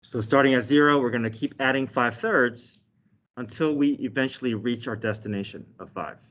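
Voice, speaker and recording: A man's voice: mid-range voice, normal speed, a bit bright. A man teaching a step-by-step math lesson as a teacher, explaining and often checking in with short tag questions. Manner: explanatory, checks in with "okay" and "right". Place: indoors, desk with document camera. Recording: dull, slightly muffled online lesson audio.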